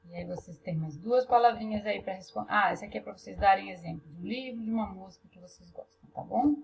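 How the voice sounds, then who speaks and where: A woman's voice: medium pitch, fast talker, gravelly, a little mellow, slight background noise. A woman with a Brazilian Portuguese accent, teaching a class through a workbook, step by step and often checking in with her students. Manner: patient, explains step by step, checks in with "tá?".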